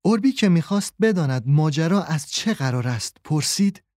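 A man narrating a children's audiobook in an expressive storytelling manner. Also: a little high, no echo, clean studio sound. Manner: expressive storyteller voicing all characters.

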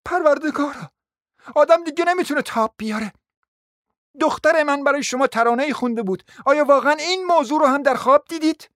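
An agitated, scheming middle-aged mother, as an actor plays her in a radio play. She throws out exclamations and presses with questions in a mid-pitched voice. The studio sound is dry and close. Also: a bit bright, no room sound, close to an everyday voice. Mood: frantic.

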